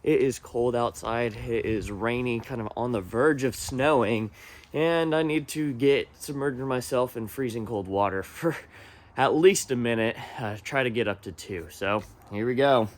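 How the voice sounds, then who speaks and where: A man's voice: medium pitch, normal speed. A man giving casual, informal updates to camera as a vlogger. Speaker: vlogger documenting a challenge.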